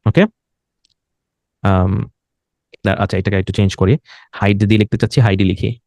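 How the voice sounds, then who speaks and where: A man's voice: on the low side, steady tone, a little mellow, dry recording. Bangladeshi man teaching in a dry room. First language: Bengali. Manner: explains slowly, says words in English inside Bengali talk; writes on a board while talking. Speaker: IELTS teacher. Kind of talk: online lesson.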